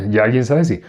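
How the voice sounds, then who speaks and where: A man's voice: medium pitch, vocal fry, breathy edge. A man teaching an interactive Bible class. He repeats verses and keeps asking the group questions. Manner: repeats verses slowly, chuckling now and then.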